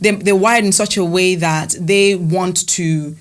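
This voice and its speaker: A woman's voice: lowish voice, steady tone, unhurried. A woman talking casually and reflectively as a podcast co-host, repeating phrases for emphasis.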